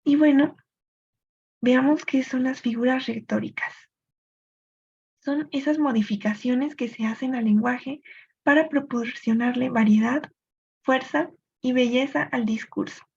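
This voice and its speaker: A woman teacher explains poetic rules step by step, stopping now and then to think aloud. Her voice sits a little high, with a gravelly, husky edge. The recording sounds dull and lo-fi. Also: darkish tone. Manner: clear explanatory pace with thinking-aloud pauses. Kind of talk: recorded literature lesson.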